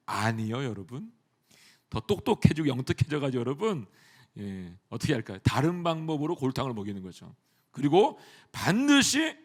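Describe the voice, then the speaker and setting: A male pastor preaching a sermon in a church, animated and often addressing the congregation directly. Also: mid-range voice. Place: church sanctuary.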